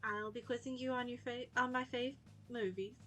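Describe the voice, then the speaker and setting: A woman's voice: fairly high pitch, fairly even intonation, moderate pace, bright, forceful tone. Giggly woman hosting a casual let's play. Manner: informal, giggly, self-interrupting. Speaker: gaming video host. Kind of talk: casual let's play, reading game text aloud. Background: music.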